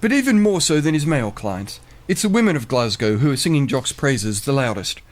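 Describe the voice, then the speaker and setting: A man's voice: medium pitch, big pitch swings, fairly quick, slight background noise, lightly acted. A man playing a mock documentary reporter in a comedy sketch, with earnest, announcer-like scripted narration.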